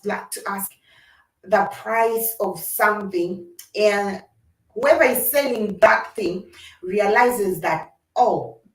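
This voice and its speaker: A young woman earnestly hosts a casual livestream, talking straight to her viewers. Her mid-range voice is recorded from a distance, giving it a roomy sound.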